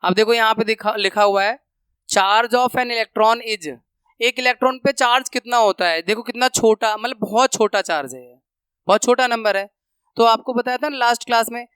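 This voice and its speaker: A man teaching a maths lesson, counting steps out loud and repeating the rules for students to remember, speaking terms. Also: high-pitched, clean tone, dry recording. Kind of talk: classroom lesson explanation.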